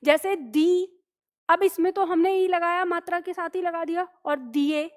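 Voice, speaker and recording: A woman's voice: very high voice, steady tone, measured pace. A woman teaching a grammar lesson, patiently explaining rules, repeating example words and checking in with her students.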